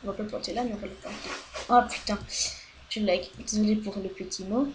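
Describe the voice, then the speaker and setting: A woman's voice: mid-range voice, steady tone, fairly quick, noisy background. A woman giving casual, rambling let's-play commentary into a headset microphone at home, chatting freely, swearing often and apologizing a lot. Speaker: gaming video host.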